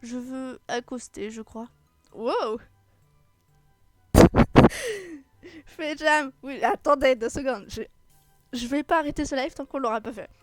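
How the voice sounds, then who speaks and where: A young woman streamer chatting casually over a game, quick and giggly. Her voice is a bit high, close and dry, with faint music under it. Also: no room sound. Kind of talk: casual live game commentary.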